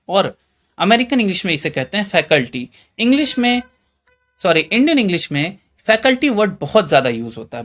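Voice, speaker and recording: Indian man, Hindi accent, high-pitched voice, chatty teacher, asks rhetorical questions. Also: a bit bright. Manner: quizzes the viewer with rhetorical questions; addresses listeners as friends, chatty. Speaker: English teacher. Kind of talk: classroom-style explainer lesson.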